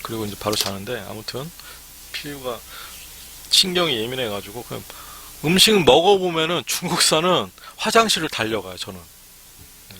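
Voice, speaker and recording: A man's voice: medium pitch, sing-song, moderate pace, pushed and bright, a little hiss or hum. A man giving a live-streamed lecture to would-be academy owners, chatty and peppered with "ne" fillers. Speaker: academy startup consultant.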